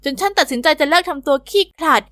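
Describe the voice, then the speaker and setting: Storybook narrator: woman, high and bubbly teen-girl delivery, dry close studio voice-over. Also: animated, quick pace, pushed and bright, dry recording. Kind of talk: scripted first-person story narration.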